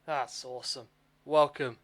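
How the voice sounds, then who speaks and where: This livestream gamer and host speaks at a medium pitch with a steady, somewhat bright tone, a little slowly, exclaiming as he casually chats with viewers. The microphone is clearly noisy, picking up game sounds and background noise.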